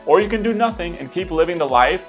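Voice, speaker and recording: Man, scripted sales voice-over, persuasive, slightly high pitch, background music. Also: expressive, fast. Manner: urgent persuasive sales delivery.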